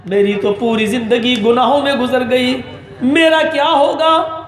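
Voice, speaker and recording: A man's voice: very high-pitched, steady tone, fairly bright tone. A man preacher voicing a remorseful young man who repents his sins, speaking in a trembling, imploring way. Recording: echoey hall reverb.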